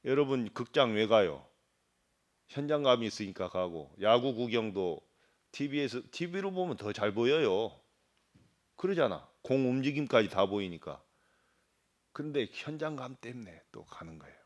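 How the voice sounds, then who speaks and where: A middle-aged man, a Buddhist monk giving a dharma talk. He questions his listeners, imitates regional dialects, and swings between loud emphasis and quiet asides. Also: mid-range voice, very animated, normal speed, pauses often.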